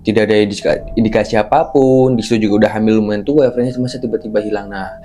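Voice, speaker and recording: A man's voice: lowish voice, fairly even intonation, quick pace, dark tone, faint music behind. A man telling a horror legend in a casual, rambling way, repeating phrases and often addressing listeners as friends. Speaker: horror storyteller. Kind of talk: casual spoken storytelling.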